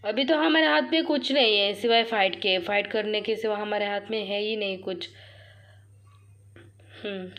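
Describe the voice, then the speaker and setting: A woman casually commenting on her mobile game as she plays, chatty with viewers, often crying out and repeating words when things go wrong. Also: medium pitch. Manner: excitable, frequent cries and repeated words; addresses viewers as friends, chatty. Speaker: gaming channel host. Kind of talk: live commentary while playing a mobile game.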